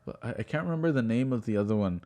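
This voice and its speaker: A man's voice: mid-range voice, animated, rapid-fire, warm tone. A man hosting a casual podcast chat, rambling with many restarts. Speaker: podcast host.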